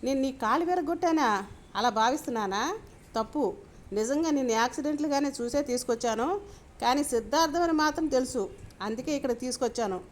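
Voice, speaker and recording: Brief: woman voicing cool wealthy businesswoman, confident, high voice. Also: brisk, natural voice. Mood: assured. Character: proud rich businesswoman, cool and calculating.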